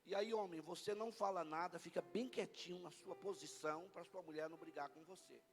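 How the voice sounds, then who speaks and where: A man with a Brazilian Portuguese accent preaching a lively Easter sermon as pastor, bantering playfully with his congregation. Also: high-pitched, fairly quick. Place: church hall. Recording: long church hall reverb.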